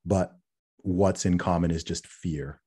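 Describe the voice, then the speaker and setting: Deep-voiced man, dark and husky. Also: steady tone, takes it slowly. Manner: earnest, repeats words when restarting, laughs between points. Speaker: podcast guest. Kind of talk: casual interview talk.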